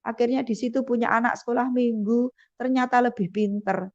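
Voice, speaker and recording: A woman gives a personal testimony in a fairly high voice. She tells her story vividly and imitates sounds as she goes. The recording is dull and lo-fi. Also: fairly even intonation, brisk. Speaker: testimony giver.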